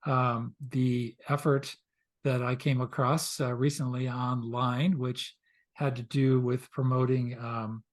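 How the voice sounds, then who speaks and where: A man hosts a podcast interview. He speaks in a halting way, with many uh and um fillers between his phrases. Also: medium pitch, level tone. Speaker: podcast host.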